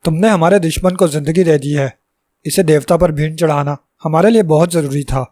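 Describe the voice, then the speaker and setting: A haughty little dwarf king on horseback, voiced by a male storyteller, shouting his commands. His tone is fairly high, and the sound is close and dry. It is read as a storybook. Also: no echo, lightly acted. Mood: scolding.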